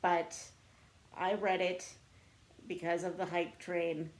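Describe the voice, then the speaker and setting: A woman book vlogger chats casually to camera, answering book tag questions. Her voice sits a little low with little pitch movement, and she takes her time, coming across as chatty and self-deprecating.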